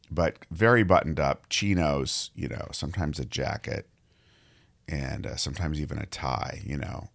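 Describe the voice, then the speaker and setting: A man in his fifties hosting a daily show, his voice hoarse, distorted and gravelly from a cold as he tells stories in a rambling, conversational way. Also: low voice. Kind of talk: solo podcast monologue.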